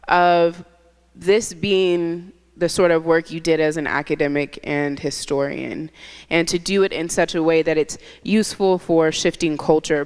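A young woman with a low, smooth voice leads an onstage interview into a handheld mic. She sounds earnest and stacks her points one after another. A long hall reverb trails her words. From Indiana. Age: young adult. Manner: earnest, speaks in building lists. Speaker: interviewer, host. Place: large hall stage, seated.

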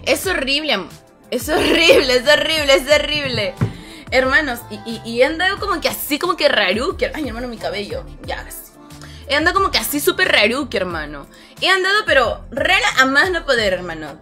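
A woman's voice: sing-song, sharp tone, soft background music. A young woman chatting casually on a live game stream, greeting viewers by name and reading their comments, her voice a little strained. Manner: ends phrases with a low, drawn-out "hermano". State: voice strained, rough.

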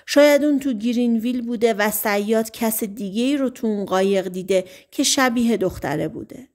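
A woman voicing a skeptical, measured male sheriff in an audiobook, asking slow, doubting questions. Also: a little high, a little mellow, close to an everyday voice.

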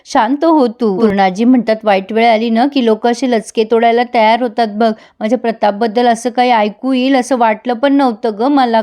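A woman's voice: fairly high pitch, warm tone. A woman reviewing a TV serial, retelling the episode and quoting each character's lines in turn while speaking to viewers.

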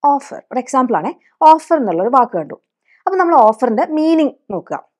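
A woman teacher with a Malayali accent and a slightly high voice. She explains things patiently and keeps asking her listeners questions as she goes. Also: sing-song, moderate pace, darkish tone. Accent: Malayali English. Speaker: English teacher. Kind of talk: teaching spoken English.

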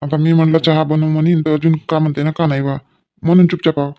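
Placating rustic husband. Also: male voice, a little high, little pitch movement, fast talker, dull audio. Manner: coaxing, placating, rustic banter. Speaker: sketch actor playing a village husband. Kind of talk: comic village sketch dialogue.

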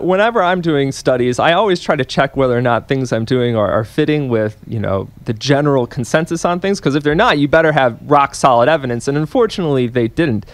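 A man's voice: medium pitch, no room sound. A young man in his twenties, a policy analyst guest on a radio show, explaining earnestly and at length with frequent restarts. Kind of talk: radio interview. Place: radio studio. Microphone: studio microphone on a boom arm.

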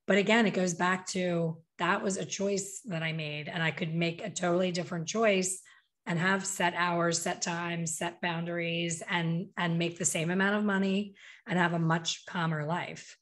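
Woman in her fifties, lively, chatty. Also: lowish voice, moderate pace. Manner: animated, talks with her hands, quotes people in voices. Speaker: hair color educator. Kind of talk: casual video call interview. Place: small bright room at home. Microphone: desk microphone on video call.

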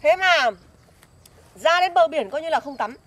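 A woman's voice: sits high, expressive, measured pace, fairly bright tone. A woman in comedic banter, teasing and accusing her friend in a gossipy way. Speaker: village woman in comedy skit.

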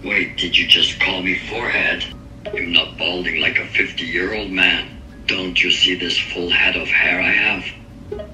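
A man's voice: low-pitched, flat delivery, a little slow, bright, forceful tone, heavily acted. A synthetic man's voice playing a vain, touchy young female pop star who talks back indignantly, played back over a speaker. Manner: indignant, defensive. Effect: synthetic text-to-speech voice. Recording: echoey speaker playback, faint music.

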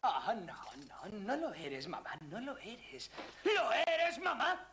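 An unhinged young man in a dubbed TV thriller. He taunts and insists with childish bitterness, his pitch swinging widely from soft to loud. The old soundtrack has clear noise. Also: huge pitch swings, slow pace, full character voice. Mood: taunting. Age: young adult. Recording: noisy old TV film soundtrack.

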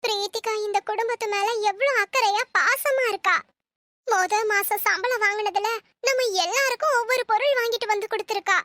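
A woman's voice: extremely high pitch, fairly quick, bright, forceful tone, a little hiss or hum. A woman voicing a worried, emotional middle-aged mother in a Tamil cartoon, pleading and tearful in how she talks. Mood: grieving.

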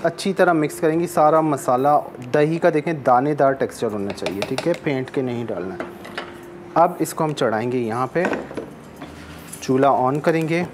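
A TV cooking show chef in a studio kitchen, this man explains a recipe step by step, repeating steps and switching between Urdu and Sindhi. His voice is on the high side, with a bit of hiss or hum in the audio.

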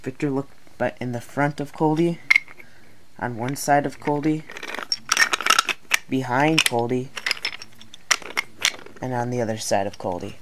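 A man's voice: medium pitch, measured pace, pauses often, heavy background noise. A young man narrating a homemade toy-train story in a plain, casual way.

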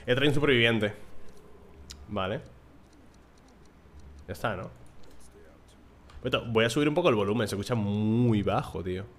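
A man's voice: lowish voice, moderate pace, long pauses. Young man streaming gameplay. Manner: casual, swears, shouts excitedly at the game. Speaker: gaming streamer. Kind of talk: live gameplay commentary.

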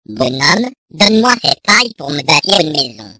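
Clever little pig, stubborn and cheeky, voiced by the narrator. Bright, dry delivery. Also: mid-range voice, very animated, normal speed, no room sound. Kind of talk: storybook reading.

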